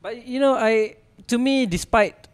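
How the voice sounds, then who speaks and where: A man hosting a podcast, asking gentle probing follow-up questions in a relaxed interview. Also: extremely high pitch, a little slow, clean tone. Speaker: podcast host. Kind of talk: conversational interview.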